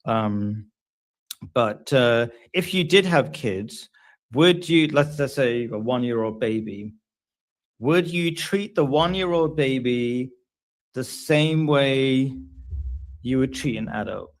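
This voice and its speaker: Forties man, thoughtful and halting guest in casual talk, mid pitch. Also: animated. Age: 40s. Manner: thoughtful, hesitant, many fillers. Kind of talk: casual discussion.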